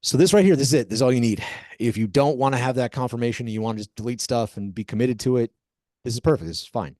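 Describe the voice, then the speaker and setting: A man teaching a live coding lesson as an instructor, dictating code word by word with deliberate pauses. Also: fairly low pitch, warm tone, no echo, clean studio sound. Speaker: programming instructor.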